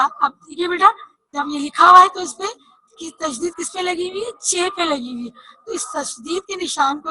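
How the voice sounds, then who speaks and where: A woman teaching young children to read, slowly spelling out letters and asking questions she answers herself. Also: high voice, bright, forceful tone, no echo, poor audio. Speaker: Urdu teacher. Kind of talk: online reading lesson for children.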